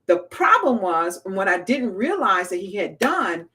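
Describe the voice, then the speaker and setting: Speaking a little slowly in a mid-range voice, a woman gives small business owners a casual motivational talk, animatedly telling stories and acting out the voices of people she quotes. There's a bit of hiss or hum on the recording.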